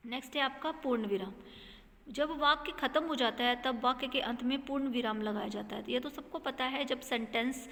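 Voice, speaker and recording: A woman's voice: high voice, moderate pace, fairly bright tone, in a large hall. A woman teacher giving a grammar lesson to students, explaining patiently and checking in often. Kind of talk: classroom lesson.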